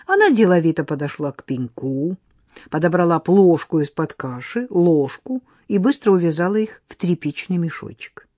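A woman narrating a children's story in an expressive storytelling way. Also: lowish voice, normal speed, no echo, clean studio sound. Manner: even, storytelling delivery. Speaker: audiobook narrator.

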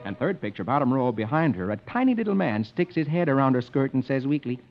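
A man's voice: mid-range voice, quick pace. Jolly man reading an old radio story. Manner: jolly, lively, singsong. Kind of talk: 1950s children's radio reading. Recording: dull old radio transcription with music.

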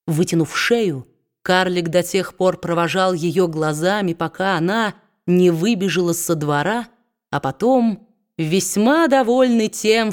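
A woman reading a classic novel aloud in a steady, measured storytelling manner. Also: lowish voice. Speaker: audiobook reader.

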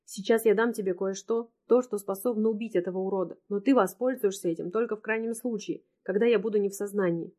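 A woman's voice: medium pitch, fast talker, few pauses, warm tone, lightly acted. Brief: a woman reading a desperate, sobbing young woman in an audiobook. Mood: grim. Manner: sobbing, pleading. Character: frightened tearful young woman, desperate and trapped.

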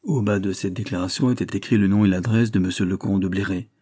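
Male audiobook narrator, husky voice, dark tone, dry close recording. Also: low-pitched, fairly even intonation, fast talker. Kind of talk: scripted narration.

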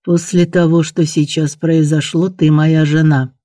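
A passionate, domineering young nobleman in a storybook, voiced by the male reader. He speaks slowly and forcefully in a mellow, fairly high voice that stays level. The sound is dry and close. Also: level tone, no echo, close to an everyday voice.

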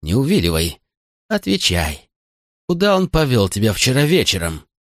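For an audiobook character, a man raises his voice to play a consul, a cold and domineering middle-aged father who grills his son with bitter sternness. His mid-range delivery swings hugely in pitch at a moderate pace and stays cold and cutting, recorded cleanly in a studio with no room sound.

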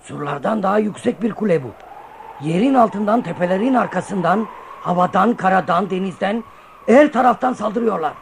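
Gravelly, cautious soldier. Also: male voice, sits high, expressive, normal speed, a little hiss or hum. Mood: wary. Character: cautious, worried Byzantine soldier comrade. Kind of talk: radio play acting.

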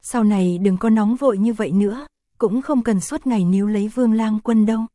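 A calm, kind young lady from a storybook, speaking softly and evenly, as a woman narrator reads her. Her tone is mellow and warm, and the recording is close and dry. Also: medium pitch, a little fast, dry recording, natural voice. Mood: gentle. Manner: soft, gentle, composed.

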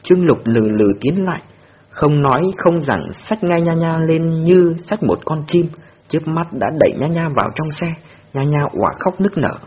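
A man narrating an audiobook with expressive storytelling. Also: on the high side, moderate pace, breathy edge. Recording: dull lo-fi recording.

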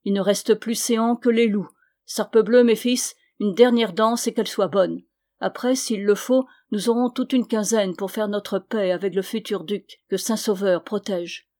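Loud swearing old-time knight, full of bluster, read by a woman. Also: medium pitch, steady tone, moderate pace, few pauses, close to an everyday voice. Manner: loud, exclamatory.

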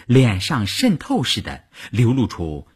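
Male radio storyteller, husky, wildly animated pitch. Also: measured pace. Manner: expressive, sweeping delivery. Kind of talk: long-form radio storytelling.

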